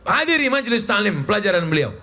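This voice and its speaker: Joking preacher in his forties, pitched up. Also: big pitch swings, fast, pushed and bright. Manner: joking, storytelling, addresses audience directly. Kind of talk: humorous religious lecture. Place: lecture before a live audience.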